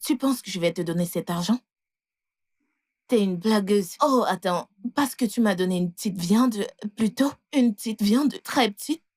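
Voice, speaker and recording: A woman voicing a defiant, sharp-tongued young mistress in a dubbed film. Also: medium pitch, animated, moderate pace, natural voice. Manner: mocking, scornful.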